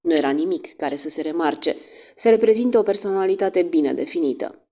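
A woman narrating a classic detective audiobook with a measured, expressive reading. Her voice is low and dark, and her pitch moves in wide, lively arcs. The delivery is steady and scripted.

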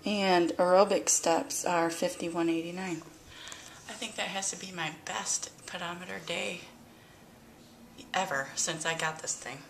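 A middle-aged woman and mother vlogging casually from her home, chatty with breathy sighs and sudden bursts of excitement. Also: lowish voice, a little hiss or hum. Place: home, front room.

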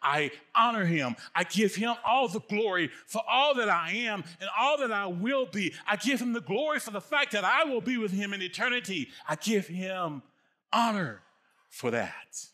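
Older man, pastor preaching, emphatic and repetitive, lively swooping pitch, bright voice. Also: moderate pace. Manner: emphatic, repeats phrases, asks the congregation. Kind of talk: sermon.

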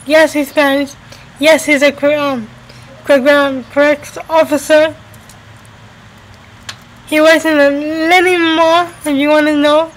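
A young American woman in her twenties, from New Jersey and Florida, speaks to camera in a relaxed vlog from her home by a window, restating phrases to stress them. She talks slowly with frequent pauses, in a high voice with little pitch movement, and the arm's-length webcam audio is low quality.

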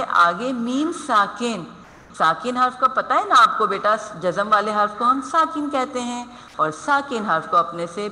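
Slow, bright-voiced woman teaching recitation. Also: mid-range voice. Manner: patient, explains step by step, calls students "beta". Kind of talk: online recitation lesson.

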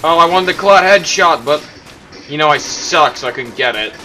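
Excitable man commenting on gameplay. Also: on the high side, moderate pace, soft background music. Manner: self-mocking, excitable outbursts. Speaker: gaming commentator.

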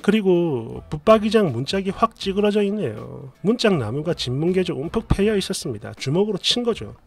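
High, lively male story narrator. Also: brisk, vocal fry, slightly rough. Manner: expressive, exasperated retelling. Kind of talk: storytelling narration of a reader's post. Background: faint background music.

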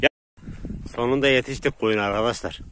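A man casually talking to viewers while herding sheep with his dogs outdoors, laughing often and calmly calming the dogs. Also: mid-range voice, a little fast. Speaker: shepherd vlogger. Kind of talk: casual outdoor vlog narration. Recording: outdoor noise, wind and animals.

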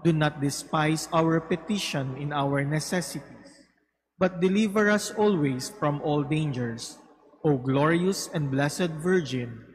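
A man leading a formal recited prayer in a solemn, deliberate manner. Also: on the high side, rough recording. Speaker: prayer leader. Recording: clear background hum and noise.

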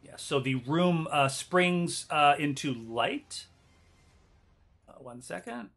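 A man narrating an online tabletop game as game master in a hesitant, halting way. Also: on the high side, expressive, vocal fry, fairly bright tone.

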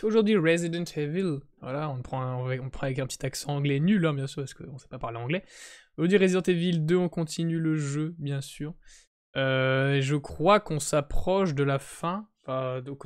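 A man's voice: on the high side, clear, resonant tone. A young man with a French accent chatting casually and joking with viewers as a live streamer. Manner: joking, greets chat viewers, self-mocking. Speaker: Twitch streamer.

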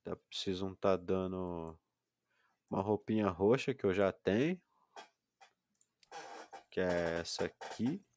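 Man, low pitch, dry close sound, patient casual streamer explaining step by step. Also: slow, long pauses, darkish tone, no room sound. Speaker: gaming livestreamer. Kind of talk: casual gaming stream chat.

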